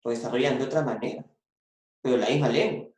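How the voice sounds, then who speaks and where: A man's voice: mid-range voice, fast talker, darkish tone. A man from Peru with a coastal Peruvian Spanish accent, teaching a secondary school language lesson. He explains step by step, repeats key phrases and tags on little checks like "¿no?" and "¿ya?". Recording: echoey room recording.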